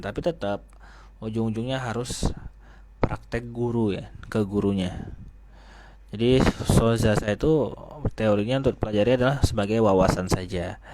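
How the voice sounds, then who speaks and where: Man, pronunciation teacher, casual classroom talk, quizzes the class, noisy recording with clicks. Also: medium pitch. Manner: asks the class questions and answers them himself. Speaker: Quran recitation teacher.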